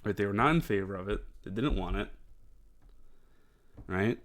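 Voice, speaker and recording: Man, low voice, casual political commentary host, halting with fillers. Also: fairly bright tone, no room sound. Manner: halting, many fillers and restarts, mocking put-on voices.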